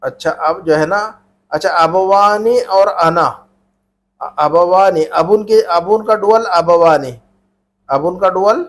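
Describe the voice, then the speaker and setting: High-voiced man drilling Arabic grammar. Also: takes it slowly. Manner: patient, repeats questions and prompts students to answer back. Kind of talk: classroom grammar lesson with call-and-response drilling.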